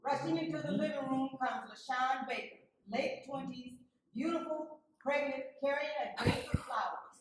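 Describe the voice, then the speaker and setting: A woman with a slightly high voice delivers scripted narration of stage directions. She sounds distant from the microphone. The room is very echoey. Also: normal speed. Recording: very echoey room, distant mic, faint noise.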